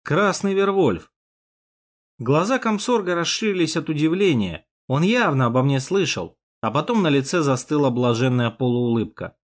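A man narrating a war story in the first person, expressive and dramatic. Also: mid-range voice, moderate pace, hardly any pauses. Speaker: audiobook narrator.

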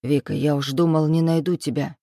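A woman reading a storybook, voicing a cold, menacing man who purrs low and then barks orders. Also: fairly even intonation, fairly quick, mellow, dry recording, clean studio sound, natural voice. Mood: soft soothing. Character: cold, menacing man, a powerful boss's right hand.

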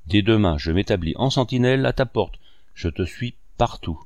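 A man's voice: on the low side, animated, normal speed, darkish tone, no echo. A man voicing a greedy, mocking male accomplice who blackmails in a sneering, taunting way. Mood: threatening.

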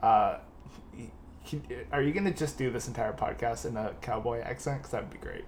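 A man hosts a podcast in a loose, joking chat, reading listener emails aloud between quips. His voice sits at an ordinary middle pitch. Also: moderate pace, a little hiss or hum. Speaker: podcast host. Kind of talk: casual comedic podcast chat.

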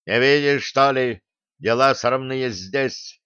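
A man voicing a gruff, hot-tempered bearded male warrior who growls and barks orders, in an audiobook reading. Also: mid-range voice, slow pace, pushed and bright, no echo. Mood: barking. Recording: dull dry recording.

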